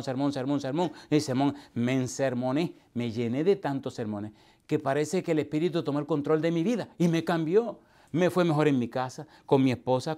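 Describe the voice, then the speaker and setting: A man preaching in a humorous storytelling style. He repeats words for rhythm, often chuckles, and drops to a hushed voice when he tells what someone said. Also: fairly high pitch. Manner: animated, repetitive, drops to a hushed voice for quoted dialogue.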